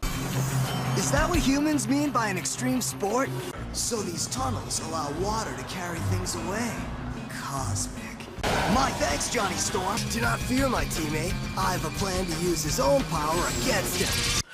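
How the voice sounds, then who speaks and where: An actor voicing a cosmic alien hero in a cartoon who talks like a laid-back surfer, mixing dude drawl with formal phrases. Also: male voice, high-pitched, sing-song, measured pace, exaggerated voice. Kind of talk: cartoon voice acting. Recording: cartoon soundtrack with loud music.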